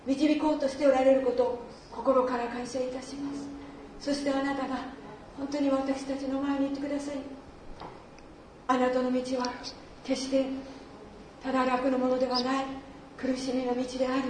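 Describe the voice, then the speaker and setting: A woman leading a congregational prayer in slow, reverent, halting phrases. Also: high-pitched, darkish tone, a little hiss or hum. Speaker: prayer leader. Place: church worship hall. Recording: distant, very echoey church hall.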